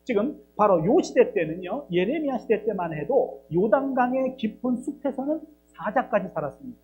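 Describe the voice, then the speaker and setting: A man's voice: high-pitched, very animated, moderate pace, dull audio, slight background noise. A man preaching a sermon as pastor, acting out dialogue and asking rhetorical questions. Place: church.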